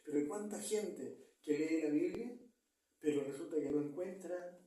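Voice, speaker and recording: Man, pastor, earnest sermon, repeats himself, dark mellow tone. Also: a little high, moderate pace. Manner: earnest, repeats words, asks the congregation "¿ya?". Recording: echoey church hall, mic far off.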